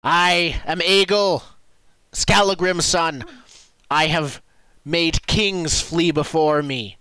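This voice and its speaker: A man voicing a proud, boastful Viking warrior who declaims his deeds loudly and slowly. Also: a little high, clear, resonant tone, no echo, voice pushed up. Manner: loud, slow, declaiming.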